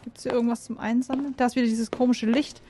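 A woman's voice: fairly high pitch, little pitch movement, fast, mellow, a little hiss or hum. Jumpy woman narrating a horror game. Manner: chatty, jumpy, shrieks when scared. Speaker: gaming video creator. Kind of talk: let's play commentary.

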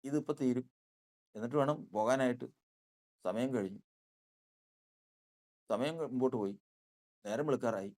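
A man's voice: mid-range voice, moderate pace, pauses often, a little mellow. Emphatic Malayali male preacher. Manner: emphatic, repeating key phrases, voice rising and dropping. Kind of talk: sermon.

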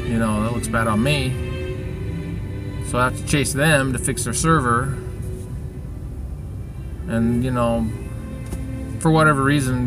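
A middle-aged man rambling through a downbeat, self-pitying personal rant, recorded inside a vehicle. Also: medium pitch. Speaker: vlogger.

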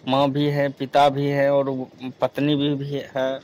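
Young husband, pleading and earnest, slow delivery, a man doing the voice. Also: mid-range voice, completely flat delivery, a little mellow, close to an everyday voice. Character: young married man longing for home.

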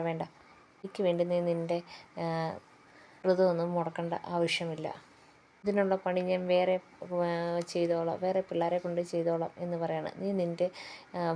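A woman's voice: on the low side, mellow, a little hiss or hum. A woman casually retelling a TV serial episode, quoting the characters' lines and often restarting words. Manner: retells dialogue in quotes, frequent restarts and stumbles. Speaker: serial recap narrator.

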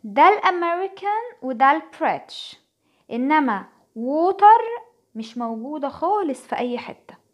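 A woman with an Egyptian Arabic accent teaching English pronunciation to children, repeating each word slowly and clearly. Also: high voice, animated.

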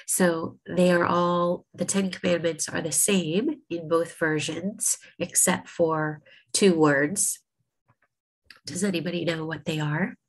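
A woman rabbi leading an online class, sniffly with a cold, speaking in an unhurried way with many ums and restarts. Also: fairly low pitch, fairly even intonation, poor audio.

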